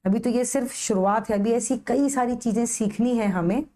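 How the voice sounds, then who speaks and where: A woman's voice: a little high, moderate pace, dark tone. A young woman lecturing a live online class with an Indian English accent, patiently drilling Latin legal phrases syllable by syllable and teasing her students.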